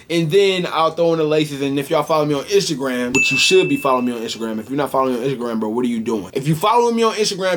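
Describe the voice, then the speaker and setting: A man's voice: fairly high pitch, a little hiss or hum. A young man in a casual, slangy sneaker vlog, talking straight to his viewers, slightly slurred from freshly tightened braces. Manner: slangy, animated, addresses viewers directly. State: sore mouth from tightened braces, some slurring. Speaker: sneaker vlogger. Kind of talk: casual unboxing chat.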